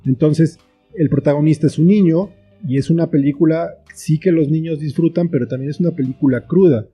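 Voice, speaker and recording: A screenwriter and author with a Mexican accent, interviewed as a guest, gives reflective, explanatory answers in a conversational style. His voice is a little high, brisk, mellow and slightly rough, with faint music in the background.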